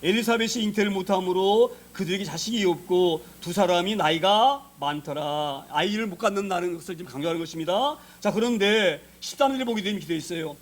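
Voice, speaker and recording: A man's voice: sits high, fairly quick, hardly any pauses. A male pastor preaching a sermon in a conversational way, often asking the congregation questions.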